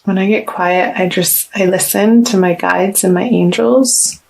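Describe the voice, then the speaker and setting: Slow, gravelly-voiced woman reading tarot. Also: mid-range voice, steady tone, poor audio. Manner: slow, halting, with many restarts and ums; soft and reflective, pausing to consult the cards. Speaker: tarot reader. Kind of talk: casual tarot reading to camera.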